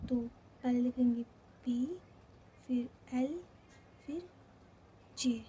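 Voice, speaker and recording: A woman's voice: high voice, dark tone, a little hiss or hum. A woman with a Hindi accent teaching shorthand, walking through each step and checking in often. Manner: slow, repeats each step, checks in with "theek hai". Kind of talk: step-by-step lesson.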